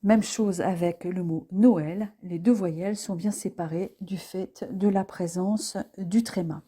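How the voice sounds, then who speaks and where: A woman teaching French pronunciation, explaining accents and sounds slowly and carefully, with occasional hesitations. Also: lowish voice, steady tone, dark tone, husky. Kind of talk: pronunciation lesson.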